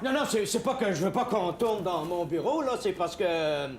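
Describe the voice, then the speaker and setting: A high-pitched Quebec man stammers and fumbles through a sitcom sketch, his voice leaping all over the place. He sounds hesitant and bumbling. There is a clear layer of noise behind him. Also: animated, moderate pace. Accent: Quebec French. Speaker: sketch comedian.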